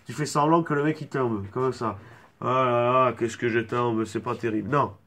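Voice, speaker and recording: A man's voice: medium pitch, fairly even intonation, moderate pace, fairly bright tone. Playful rambling man, southern French accent. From south of France. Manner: rambling, playful clowning with mock-serious tangents. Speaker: comic vlogger. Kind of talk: absurd improvised comedy monologue.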